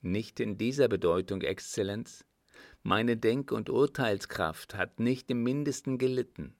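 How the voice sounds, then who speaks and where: A polite young army officer answers in calm, measured, formal tones, as a male reader gives him voice. The voice is low and gravelly. The storybook recording is dry and close. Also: no room sound. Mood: resigned.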